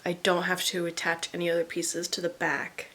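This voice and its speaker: A woman's voice: fairly low pitch, completely flat delivery, moderate pace, bright, forceful tone, husky. A young woman from New Jersey, chatting casually and rambling through a sewing voiceover, with lots of "like" as she talks. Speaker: sewing and cosplay vlogger.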